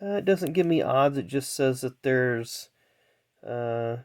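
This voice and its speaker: Male video host, medium pitch, congested and nasal from blocked sinuses, chatty off-the-cuff commentary. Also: expressive, slow. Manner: chatty, reels off names then adds asides. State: stuffed-up sinuses. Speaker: host of a racing trading card pack-opening video. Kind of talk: casual rambling commentary.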